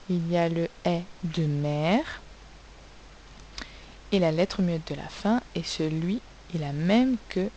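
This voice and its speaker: On poor audio with slight background noise, a primary school teacher with a low, warm voice records a phonics lesson for young children. She sounds out each letter one at a time.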